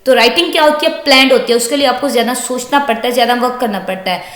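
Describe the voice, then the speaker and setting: Woman lecturer, high voice, patient explainer, echoey room recording. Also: fairly bright tone. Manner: reads English lines slowly then explains them at length, patient and repetitive.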